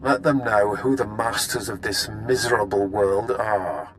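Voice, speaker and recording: An actor playing a ruthless, commanding imperial military officer in a video game, with clipped, menacing authority. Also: male voice, lowish voice, measured pace, background noise, lightly acted. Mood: scheming, stern.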